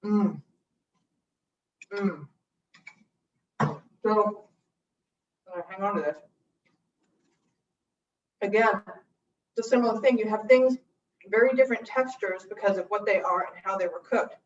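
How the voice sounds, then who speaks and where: A woman hosts a relaxed cooking lesson, chatting as she tastes each dish and describes its flavors and textures. Her voice sits a little back from the mic in an echoing room, and the streamed audio sounds slightly dull. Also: mid-range voice, normal speed, long pauses, a little hiss or hum. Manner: chatty, tasting and describing food aloud. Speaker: cooking class host. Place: church room. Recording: roomy, dull livestream audio from a distance.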